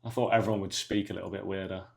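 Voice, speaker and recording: A young man from just outside London, with a London-area English accent, chatting in a relaxed, hesitant way as a podcast guest. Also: low-pitched, very fast, vocal fry. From England, near London. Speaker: soccer player, podcast guest. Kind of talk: casual interview chat.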